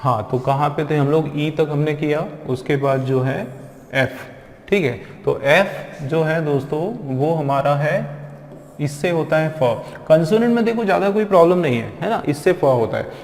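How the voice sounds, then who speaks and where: A man teaching English pronunciation in a classroom lecture, drilling words slowly and repeating them aloud. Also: fairly high pitch. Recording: echoey classroom with long reverb.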